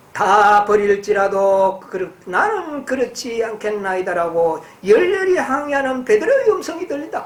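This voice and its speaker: A woman preaching a sermon. She reads passages slowly and then explains them, asking her listeners questions and answering them herself. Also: high-pitched, roomy sound. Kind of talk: sermon with Bible reading.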